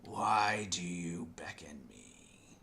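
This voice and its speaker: A man voicing a drowsy ancient god with a deep, booming voice, speaking slowly in a half-whisper. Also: sing-song, creaky, pushed and bright, a little hiss or hum, exaggerated voice. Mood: irritated.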